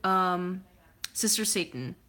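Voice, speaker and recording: This woman in her twenties takes it slowly while reading viewer comments on a casual livestream from home, rambling with many fillers and silly noises. Her voice is on the low side, animated, bright and forceful.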